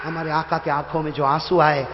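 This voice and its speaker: A male preacher telling a story in an impassioned sermon, swinging from hushed tones to shouts. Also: fairly high pitch, little pitch movement, dull audio. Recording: echoey hall with long reverb.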